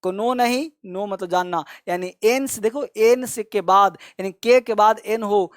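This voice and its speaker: A man's voice: high-pitched, unhurried, dry recording, studio quality. A male English teacher explaining a lesson, who repeats each rule over and over and fondly addresses his viewers as friends and kids.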